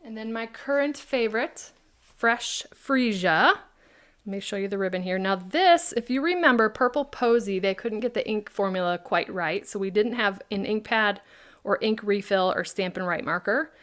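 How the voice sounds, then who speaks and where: Bright and mid-range, her voice moves at an ordinary speed as she chats through a live product demo. A female craft demonstrator and easygoing livestream host, she talks warmly with viewers and replies to their questions by name.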